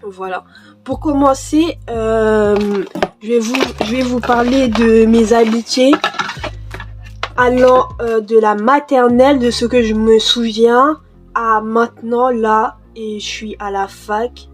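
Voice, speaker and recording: Chatting casually as she does her nails, this young adult YouTuber, Cameroon-born and raised in France, is hesitant and uses many fillers and restarts in her home vlog. Her voice is on the high side, slow, with fairly even intonation. She speaks into a desk mic over music.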